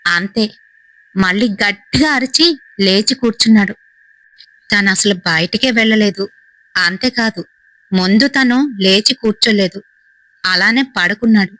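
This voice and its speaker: Female horror storyteller, steady suspenseful telling, dry close sound. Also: medium pitch, no echo, low-quality recording.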